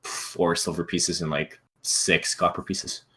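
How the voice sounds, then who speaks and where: A man's voice: low voice, level tone, slow, sharp tone, a little hiss or hum. A man narrating as game master in a casual live-streamed tabletop game, talking loosely with frequent fillers and restarts.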